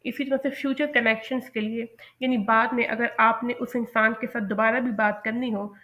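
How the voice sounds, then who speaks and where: Female language teacher, lecturing patiently, saying English examples slowly and clearly. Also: on the high side, a bit bright. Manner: slow, careful enunciation of English example sentences. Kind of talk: lecture explaining English phrases.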